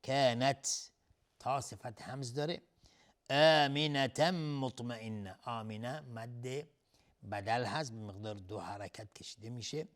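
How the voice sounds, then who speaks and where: A man teaching Quran recitation on a television lesson. He explains the pronunciation rules briskly, chants the verses slowly and melodically, and repeats single sounds again and again as a drill. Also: fairly low pitch. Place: TV studio.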